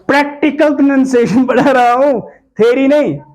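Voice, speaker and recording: A man teaching pronunciation to a class, repeating words slowly in drills and checking whether the students follow. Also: very high-pitched, darkish tone.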